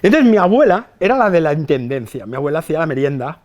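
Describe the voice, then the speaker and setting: A man's voice: fairly high pitch, big pitch swings, quick pace, darkish tone. A middle-aged man, a psychologist, giving a chatty, humorous talk to a live audience, telling stories, swearing casually and checking the crowd follows. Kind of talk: humorous conference talk to nurses. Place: hospital hall with a live audience.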